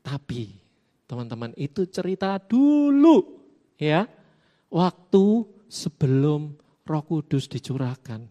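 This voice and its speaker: A high-pitched man gives a casual youth sermon. He keeps it lively, tossing questions and playful asides to his listeners. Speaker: youth preacher. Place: church hall.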